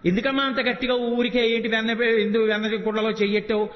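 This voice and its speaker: A man's voice: high-pitched, little pitch movement, fast talker, natural voice. A man voicing a village milkmaid who exclaims and scolds a boy. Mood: scolding. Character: astonished village milkmaid, a woman. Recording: dull echoey hall sound.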